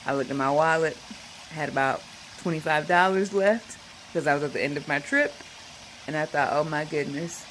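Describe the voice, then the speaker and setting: A woman telling a personal travel story in a casual, animated way, acting out the people she meets. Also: deep voice, fairly quick, a little hiss or hum, rough recording.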